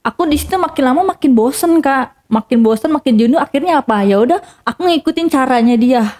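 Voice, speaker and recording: Young woman, mellow and fairly high voice, rambling casual storytelling, lots of fillers. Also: expressive, fast. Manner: rambling, many fillers and restarts, addresses listener as Kak. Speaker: interviewee telling her story.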